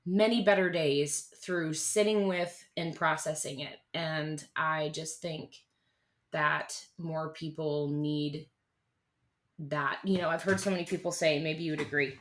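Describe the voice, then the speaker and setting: A woman in her thirties, a country singer-songwriter, speaking earnestly and haltingly as an interview guest, with many restarts. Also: low voice, fairly even intonation. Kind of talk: candid interview conversation.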